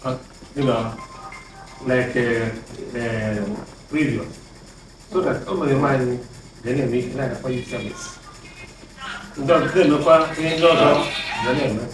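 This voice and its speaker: A man's voice: medium pitch, a little slow, long pauses, faint music behind. A man speaking hesitantly with many fillers in an office. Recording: echoey room from far off.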